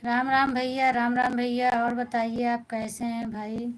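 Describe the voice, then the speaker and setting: A woman with an Awadhi accent, a folk singer chatting casually with viewers on a live stream from home at night, greeting them warmly and answering their comments. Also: fairly high pitch, completely flat delivery, measured pace, rough recording. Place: at home at night, others asleep.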